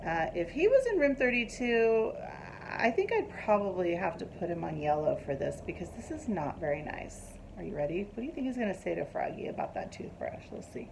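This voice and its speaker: A middle-aged woman teacher reading a picture book aloud to her class, lively and asking the children questions. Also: on the low side, a little fast, creaky, hardly any pauses, noisy background.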